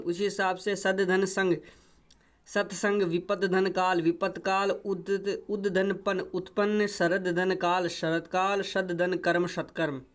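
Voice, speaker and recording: A man teaching a grammar lesson, going over each rule step by step and repeating the examples. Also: high-pitched. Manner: repetitive step-by-step explaining.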